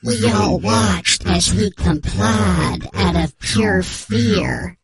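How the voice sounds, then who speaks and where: A man playing an anonymous male informant whose voice is disguised, speaking in a slow, solemn, mock-dramatic way on a comic sports radio bit. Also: sits high, crowd noise, heavily acted. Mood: grave, mock-secretive.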